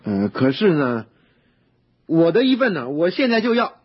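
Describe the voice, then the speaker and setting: A man's voice: a little high, big pitch swings, normal speed, husky, dull audio. A man playing a boastful spoiled young son. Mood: pleading. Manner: eager, boastful, pleading, giggling. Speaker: prodigal son. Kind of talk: radio drama.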